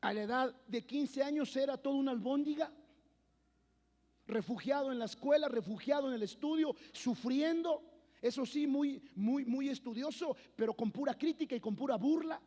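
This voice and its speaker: A man preaching a sermon as pastor, swinging between loud declarations and quiet personal storytelling. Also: very high voice, normal speed, muffled recording. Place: church. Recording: long church hall reverb.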